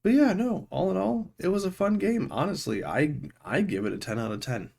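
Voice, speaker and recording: A man reviews a video game casually and without a script, rambling conversationally with informal, tongue-in-cheek humor and pausing to search for words. His voice is high and animated, a little mellow, with some vocal fry.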